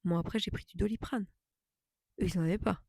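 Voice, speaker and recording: A woman speaks casually, as if chatting to viewers in a storytime vlog, with a mid-range pitch and a dry, close sound. She is indignant and emphatic, and circles back to repeat phrases for stress. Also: brisk, vocal fry, a little mellow, husky, no room sound. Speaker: vlogger telling a personal story.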